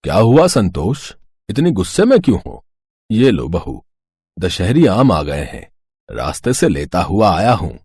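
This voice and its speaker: A middle-aged cartoon husband talks calmly and reasonably, with a lively, varied pitch, as a man plays him. The recording is close and dry. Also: a little slow, husky, dry recording, full character voice. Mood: easygoing.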